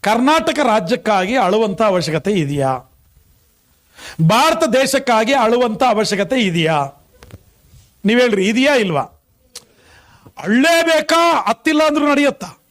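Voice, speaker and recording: A man's voice: very high voice, big pitch swings, unhurried, long pauses, fairly bright tone. A male pastor preaching a sermon with a Kannada accent, asking the congregation many questions and calling out hallelujah.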